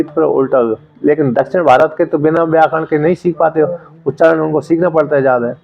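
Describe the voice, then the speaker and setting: A man lecturing on a Sanskrit text, explaining terms and repeating words slowly to drill their pronunciation. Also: a little high, creaky, lo-fi sound. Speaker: Sanskrit scripture teacher.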